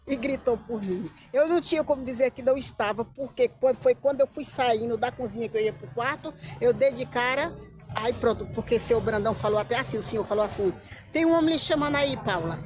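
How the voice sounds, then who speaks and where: Telling a personal story in a casual vlog, a middle-aged woman talks fast in a slightly high voice. She's animated, repeats herself and acts out what others said to her, with music playing in the background.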